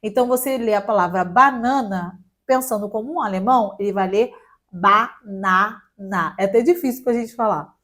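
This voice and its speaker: A young woman with a Brazilian Portuguese accent teaches German in a relaxed, chatty way. Her voice sits a little high, and she stretches out letters as she spells them. Now and then she slips in a light joke. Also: fairly quick, hardly any pauses. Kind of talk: casual online language lesson.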